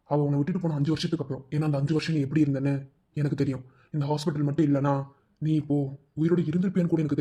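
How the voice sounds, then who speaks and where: A man voicing a caring middle-aged father in a cartoon drama, speaking in a steady, soothing, reassuring way. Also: fairly high pitch, slightly rough.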